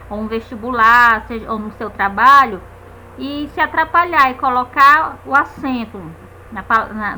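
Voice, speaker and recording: Bright high-voiced woman teaching grammar. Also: slight background noise, rough recording. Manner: patient, checks in with "né?" and "tá certo?"; drawn-out stressed syllables in example words. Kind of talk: explaining a grammar lesson.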